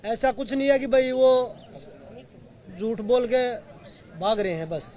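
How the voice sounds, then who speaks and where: A man's voice: extremely high pitch, lively intonation, unhurried, a little mellow. A man at a sit-in protest speaking urgently and accusingly to reporters. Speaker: protesting wrestler. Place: outdoor protest site. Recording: outdoor crowd noise behind.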